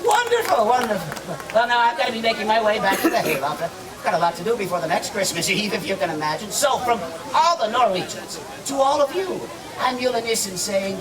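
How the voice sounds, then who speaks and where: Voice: medium pitch, distant mic, close to an everyday voice. A performer playing a jolly, mischievous Christmas gnome, teasing and exclaiming in theatrical live storytelling to a crowd. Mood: jubilant. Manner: playful, teasing, sing-song, exclaiming. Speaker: costumed storyteller. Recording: noisy outdoor crowd, voice from afar.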